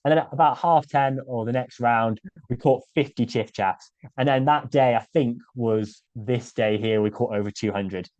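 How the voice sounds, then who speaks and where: Male guest speaker, mid-pitched, hesitant and chatty with lots of fillers, dry close sound. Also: moderate pace, a little mellow, no room sound, muffled recording. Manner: hesitant, many fillers and restarts. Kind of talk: casual illustrated talk.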